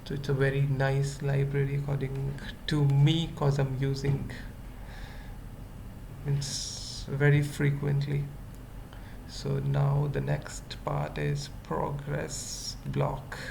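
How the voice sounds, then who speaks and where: A web development tutorial presenter talks through an unscripted coding screencast very slowly, with heavy vocal fry and a mid-range, darkish voice held at fairly even intonation. He speaks haltingly in short fragments, as though thinking aloud. The noisy mic picks up clear background noise and computer keyboard typing behind him.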